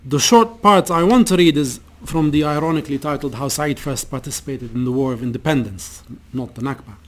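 A man with a medium-pitched voice gives an academic lecture, reading passages from a novel aloud. He speaks in a measured, deliberate way and occasionally restarts.

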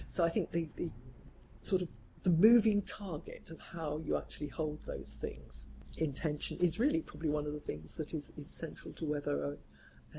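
A woman scholar talking in a measured, reflective way, building long careful sentences in an academic discussion. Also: deep voice, gravelly, warm tone, rough recording. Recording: faint background noise.

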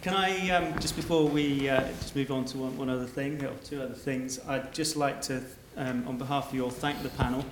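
A very polite, hesitant man giving formal remarks as the host of an event, speaking haltingly. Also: mid-range voice, fairly even intonation. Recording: echoey room with background noise.

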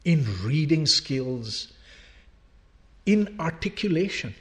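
Taking his time, a longtime Pakistani professor, now older, delivers an emphatic public talk in a slightly high, somewhat bright voice full of animation. He leans heavily on rhetorical questions.

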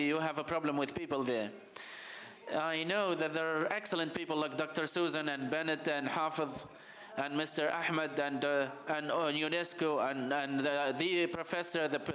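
A man from Libya gives a conference talk with slides, speaking passionately and urgently, halting often with fillers. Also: fairly high pitch, steady tone, a bit bright. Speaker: heritage official presenting.

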